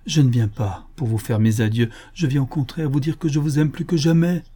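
A man's voice: mid-range voice, fairly even intonation, a little fast, dark tone, husky, voice pushed up, natural voice. A man voicing an earnest, anguished young man pleading with his beloved, in an audiobook reading. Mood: fervent. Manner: pleading, fervent.

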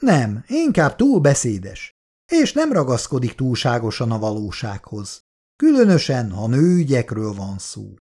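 A man's voice: mid-range voice, huge pitch swings, dark tone, breathy edge, heavily acted. A reader voicing Bandi, a husband probing his wife with casual questions in a storybook reading.

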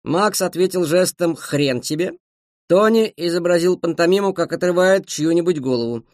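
A man reading a story aloud as the narrator, in a lively, expressive way. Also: high voice, a little fast, no echo, studio quality. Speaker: audiobook narrator. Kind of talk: scripted narration.

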